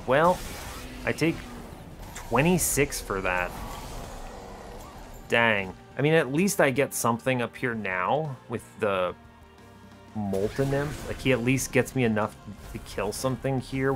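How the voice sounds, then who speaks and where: Against background music, a male host comments casually on gameplay in brief, understated, dry remarks. His pitch is medium and his pace measured.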